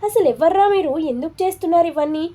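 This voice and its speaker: Woman reading as a fierce young woman, furious, scolding loudly, high voice, mellow tone, storybook reading. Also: fast talker. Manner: shouting, scolding. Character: fierce angry young woman interrogating a captive.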